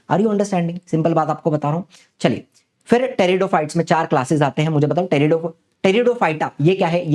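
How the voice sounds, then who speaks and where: A man's voice: high voice, darkish tone. A young man teaching a biology class online, repeating words and asking students questions as he explains.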